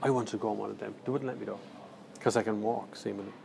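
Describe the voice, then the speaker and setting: A lowish, creaky male voice with a steady tone and quick pace: an Irish car reviewer livestreaming from his handheld phone, chatting casually and rambling through viewer questions with jokes and slang. He's in a large indoor airport terminal, and faint terminal noise sits in the background.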